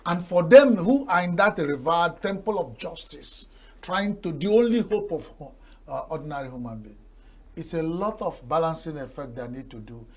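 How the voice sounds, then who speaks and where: His voice is a little high with lively intonation and a moderate pace: an older Nigerian man, Igbo by first language, giving down-to-earth TV talk show commentary. It's rich in proverbs, and he laughs at his own wisecracks.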